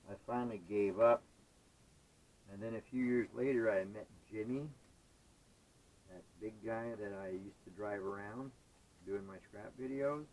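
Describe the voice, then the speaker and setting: A man's voice: fairly low pitch, measured pace, long pauses, darkish tone, rough recording. A man, chatting casually and rambling with hesitant fillers while he sorts scrap metal. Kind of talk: casual chat while working.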